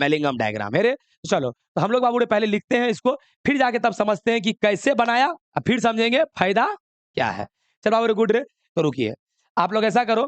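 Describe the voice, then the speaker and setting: A man's voice: high voice, no echo. A man teaching a chemistry class, coaxing and scolding students while mixing with English. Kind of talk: classroom lesson.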